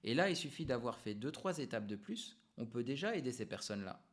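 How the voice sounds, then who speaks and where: A man delivers business coaching straight to the viewer, talking freely rather than reading. He explains things step by step, hammers points home by repeating them, and often hesitates and corrects himself along the way. His voice sits at a middle pitch for a man. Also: very animated, a little fast. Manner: conversational, explanatory, emphatic repetitions; frequent hesitations and self-corrections. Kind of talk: unscripted advice to camera.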